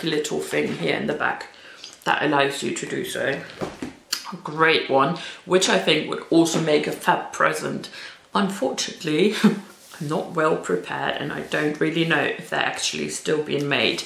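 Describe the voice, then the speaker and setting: Chatty woman with a creaky, echoey sound. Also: deep voice, fairly bright tone, a little hiss or hum. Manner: chatty, informal, self-deprecating asides. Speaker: children's book reviewer. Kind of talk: casual vlog-style book recommendations. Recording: roomy, echoey indoor sound.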